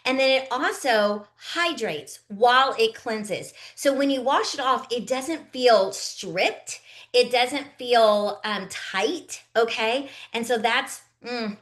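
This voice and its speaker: A skincare consultant in her early fifties takes it slowly as she walks viewers through a live online product demo, chatting folksily and often checking in with them. Her voice is a little high and fairly bright.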